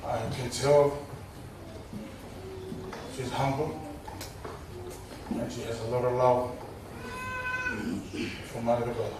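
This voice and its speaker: A man giving a halting, joking welcome speech at a wedding, out of breath and losing his train of thought. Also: mid-range voice, flat delivery. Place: wedding reception hall. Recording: echoey hall, distant mic, noisy.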